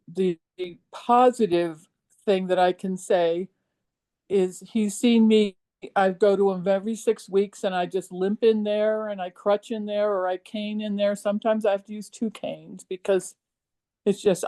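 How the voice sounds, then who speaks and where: Halting, mellow-voiced woman in her seventies. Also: medium pitch, steady tone. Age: 70s. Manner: emotional, halting with frequent ums. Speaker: program participant. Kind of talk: personal testimonial.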